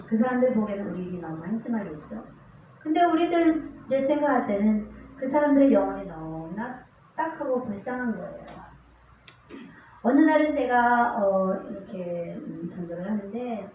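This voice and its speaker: Korean deaconess giving testimony in echoey church. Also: female voice, medium pitch, warm tone, a little hiss or hum. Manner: earnest, storytelling, acts out quoted voices. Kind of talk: church testimony with scripture reading. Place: church sanctuary. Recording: echoey distant church mic, dull lo-fi.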